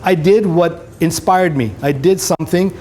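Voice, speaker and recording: This middle-aged Greek man, a native Greek speaker who moved to Canada at twelve, speaks with a slightly high, slightly mellow voice at normal speed. Visiting a school classroom as a career day photographer, he gives students an informal motivational talk, telling anecdotes and using tag questions. The room is noisy, with background hiss.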